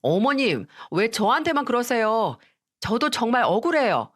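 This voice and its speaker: A woman's voice: on the high side, very animated, normal speed, pitched above the performer's own voice. A woman voicing a rude, selfish younger sister-in-law who talks in a sulky, dismissive tone. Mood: whiny.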